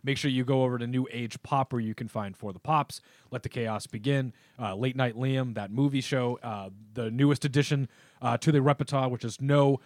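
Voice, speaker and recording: A man co-hosting a podcast in casual chat, jokey and rambling, quick to laugh. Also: medium pitch, fairly even intonation, darkish tone, no echo, studio quality. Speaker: podcast co-host.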